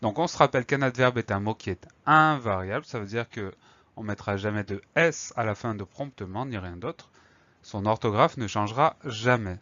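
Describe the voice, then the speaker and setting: A man's voice: lowish voice, animated, normal speed, pushed and bright, dry recording, lo-fi sound. A man teaching spelling in a didactic, dictating manner, carefully enunciating and repeating key words. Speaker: teacher giving a spelling lesson. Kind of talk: slow instructional explanation for a dictation lesson.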